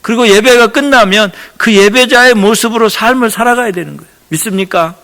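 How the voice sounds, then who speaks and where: Pastor guy preaching sunday sermon, high bright voice, echo hanging in the church hall. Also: fairly quick. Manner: earnest preaching, animated storytelling with lively acted quotes. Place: church sanctuary.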